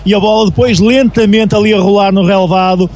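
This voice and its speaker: High-voiced Portuguese male football co-commentator. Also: fairly even intonation, a little fast, a little mellow. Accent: European Portuguese. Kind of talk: descriptive football analysis.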